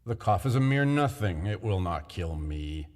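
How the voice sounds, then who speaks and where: A man's voice: sits low, very animated, normal speed, darkish tone. A man voicing a tipsy, boastful nobleman. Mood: dismissive. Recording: long hall reverb.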